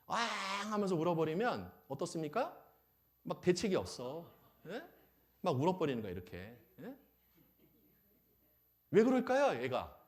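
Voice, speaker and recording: A man preaching as a pastor, animated, asking the audience questions and acting out little scenes. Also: sits high. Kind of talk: lively sermon.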